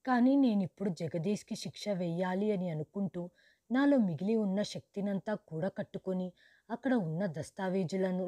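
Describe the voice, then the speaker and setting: A woman narrating a storybook in the first person as a grieving, widowed mother who lost her wealth, in a steady, measured reading. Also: medium pitch, dry recording, close to an everyday voice.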